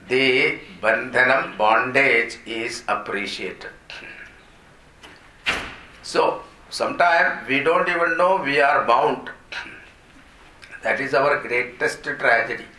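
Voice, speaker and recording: A man's voice: medium pitch, sharp tone. Indian man teaching in an echoey room. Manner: explanatory, repeats and glosses terms slowly. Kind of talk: Vedanta discourse with Sanskrit quotations. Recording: roomy echo, faint background noise.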